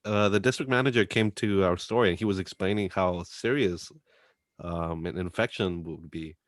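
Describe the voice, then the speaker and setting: Deep-voiced man, dry close sound. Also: normal speed, dry recording. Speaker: podcast co-host. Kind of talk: casual chat.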